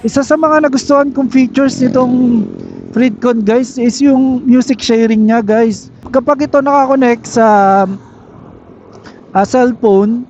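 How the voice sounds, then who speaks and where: A very high-pitched, slightly mellow male voice from the Philippines, with a Filipino accent, reviews gear casually to camera as a motovlogger at a measured pace. He explains things and often checks in with tag questions while riding. It's recorded through a helmet intercom mic, so the audio is dull, with riding noise and faint vehicle sounds.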